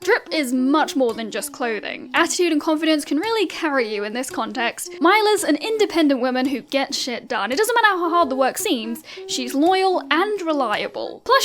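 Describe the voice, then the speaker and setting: A woman's voice: sits high, fairly bright tone. A woman hosting a video, giving scripted tier-ranking commentary in a playful, self-mocking, wry way. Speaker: video host.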